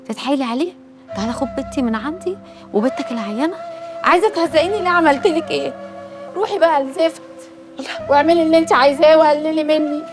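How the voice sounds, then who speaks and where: Young egyptian woman in a tv drama yelling at her mom fast and high. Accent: Egyptian Arabic. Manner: rapid, heated outbursts. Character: proud, furious young wife and mother.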